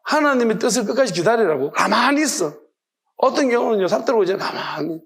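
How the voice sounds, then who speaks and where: A man's voice: sits high, lively intonation, fast talker. A male pastor with a Gyeongsang accent preaching a sermon, firing off rhetorical questions with emphasis.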